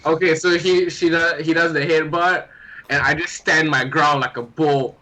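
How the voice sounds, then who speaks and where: A man acts as a player in a tabletop wrestling game, describing his moves with eager, playful energy. His voice sits a little high. It has a bright, clear tone. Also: fairly even intonation, moderate pace, rough recording.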